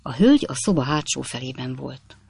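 Man narrator, gravelly, dry close mic, measured audiobook reading. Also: medium pitch, lively intonation, a little mellow, no echo. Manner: measured storytelling. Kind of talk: scripted narration.

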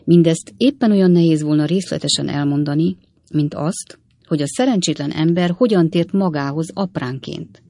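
A woman narrating an audiobook in a measured, expressive reading. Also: low-pitched, dry recording, studio quality.

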